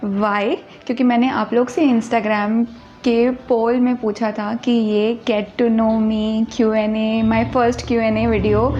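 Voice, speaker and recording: Woman in her twenties, chatty vlogger, mixes Hindi and English, self-deprecating, slow and easy delivery. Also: a little high, darkish tone, highs cut off, a little hiss or hum. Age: 20s. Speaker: YouTuber answering viewer questions. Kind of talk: casual birthday Q&A vlog.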